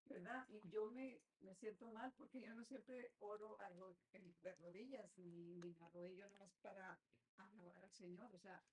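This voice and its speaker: A woman's voice: medium pitch, fairly even intonation, normal speed, slight background noise, poor audio. Earnest woman sharing in Bible group. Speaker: course participant. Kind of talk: casual reflection in group.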